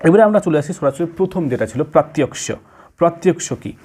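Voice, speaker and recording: A man giving an exam-prep lecture from home, reading English definitions slowly and then explaining them in quicker talk with fillers. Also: on the high side, lively intonation, dark tone, slightly rough. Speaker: teacher.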